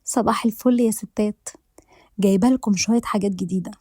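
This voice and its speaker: A woman's voice: medium pitch, quick pace, darkish tone, husky, no room sound, clean studio sound, natural voice. A woman voicing a cheerful, cheeky young neighbor who gossips and teases, with an Egyptian accent. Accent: Egyptian Arabic. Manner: bubbly, gossipy.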